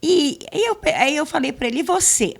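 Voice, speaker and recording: A middle-aged woman giving a church testimony, telling her story in a casual, lively way and acting out the dialogue. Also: sits high, fairly quick, creaky.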